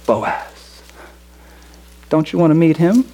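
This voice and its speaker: Woman preacher, sermon delivery, unhurried, emphatic repetition, rhetorical questions. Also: deep voice, big pitch swings, background noise. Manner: slow, emphatic, repeating phrases, rhetorical questions.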